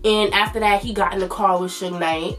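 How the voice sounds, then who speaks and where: A woman's voice: mid-range voice, fairly even intonation, brisk, a bit bright, soft background music. A woman in her twenties with a stuffy, nasal voice, chatting loosely as a vlog host with plenty of fillers. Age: 20s. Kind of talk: casual commentary.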